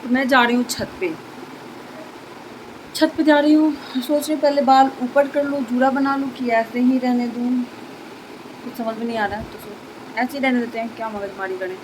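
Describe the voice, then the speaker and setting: A woman's voice: on the high side, steady tone, moderate pace, long pauses, darkish tone, a little hiss or hum, rough recording. A young woman chatting to her viewers in a casual home vlog, filmed on a phone. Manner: chatty, talks straight to viewers. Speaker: vlogger. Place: home and rooftop, indoors and out.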